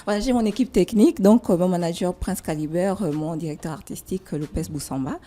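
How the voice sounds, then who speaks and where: A suave, soft-spoken woman with a slightly low, very mellow voice. She answers interview questions gently and hesitantly, keeping her volume down. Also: fast talker. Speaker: singer-songwriter being interviewed. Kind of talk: live radio interview, unscripted answers.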